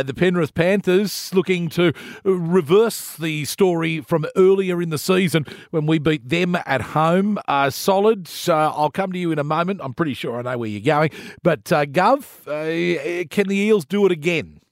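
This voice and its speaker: A man's voice: fairly high pitch, moderate pace, no echo, studio quality. An Australian man hosting a radio show in a conversational, matey and informal way.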